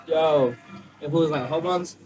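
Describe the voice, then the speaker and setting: A man's voice: on the high side, a little mellow, poor audio. A young man chatting casually in short slangy bursts while struggling through spicy food. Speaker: challenge participant. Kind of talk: casual chat during a spicy eating challenge.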